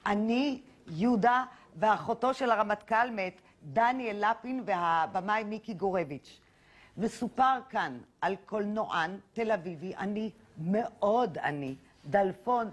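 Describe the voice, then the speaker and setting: A woman presenting a light, playful report on a theatre show. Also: mid-range voice. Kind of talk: scripted arts report narration.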